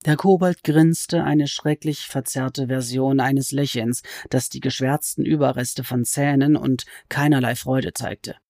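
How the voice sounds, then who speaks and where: A woman narrating an audiobook in a measured, even reading voice. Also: a bass voice, no echo, studio quality. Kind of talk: scripted narration.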